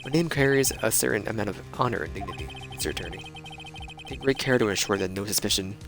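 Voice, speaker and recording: A man voicing a polite, cold-blooded male assassin in a game, measured and courteous, with low pitch over game music. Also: lively intonation, creaky. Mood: menacing calm. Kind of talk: reading game dialogue aloud.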